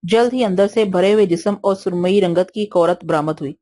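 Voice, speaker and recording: A woman narrating an audio novel in a steady, even storytelling manner. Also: fairly low pitch, no room sound. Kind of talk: scripted narration.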